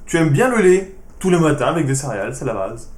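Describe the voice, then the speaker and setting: Guy doing a fan q&a, hushed and sarcastic, bit high voice, roomy echo. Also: sing-song, fast. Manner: dry, sarcastic answers, hushed voice. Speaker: YouTuber answering fan questions. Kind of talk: casual Q&A vlog.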